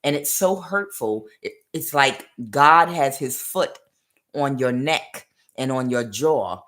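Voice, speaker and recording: A woman's voice: extremely low pitch, lively intonation, slow, fairly bright tone. A woman giving a rambling spiritual tarot reading, full of "uh" fillers and acted-out quotes. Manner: rambling, many "uh" fillers, acts out quoted voices. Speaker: tarot reader.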